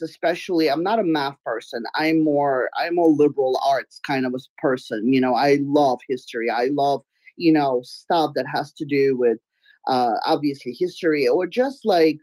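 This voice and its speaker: Her voice sits low and a little nasal: a giggly, expressive guest artist from Belarus, native Russian speaker, occasionally loud in a casual interview. She's in a home room indoors, using a webcam on a video call. The recording is dry and the audio poor.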